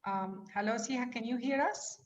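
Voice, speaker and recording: A woman's voice: on the high side, moderate pace, reverberant. A woman heard over a video call, hesitant and full of fillers as she checks whether the others can hear her. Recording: muffled, distant video call audio.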